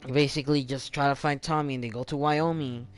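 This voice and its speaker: A man's voice: mid-range voice, steady tone, fast talker, faint music behind. A young man casually retelling a video game's story, rambling, with many self-corrections and restarts. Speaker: gaming channel host. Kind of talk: casual game story recap.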